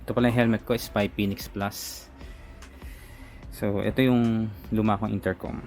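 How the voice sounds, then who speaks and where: In an informal unboxing and installation walkthrough, a Filipino reviewer talks through his hands-on work step by step. His lowish voice has a darkish tone and little pitch movement, and he keeps a moderate pace. The background has music.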